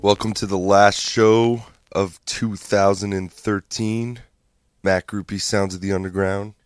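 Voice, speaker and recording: A man hosting a radio show, talking in a relaxed, chatty way between records. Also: fairly low pitch, unhurried, clean tone, faint music behind. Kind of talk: casual radio DJ talk.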